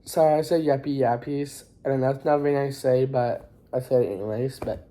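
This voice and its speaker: A teenage high school student records a casual recap vlog on a phone, speaking in a halting, rambling, apologetic way. The voice has a steady, dark tone.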